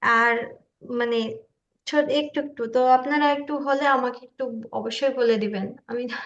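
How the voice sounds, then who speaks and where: A student presenter demonstrates how to upload a video, giving an informal online tutorial in a nervous, hesitant, self-deprecating way. Her voice is a bit bright and moves at normal speed. The audio comes through an online video call and sounds muffled and low-fidelity, like a typical online meeting.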